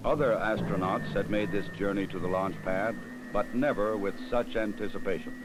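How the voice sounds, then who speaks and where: A man's voice: fairly low pitch, fairly even intonation, normal speed, poor audio. A man reading solemn, scripted documentary narration. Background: loud music.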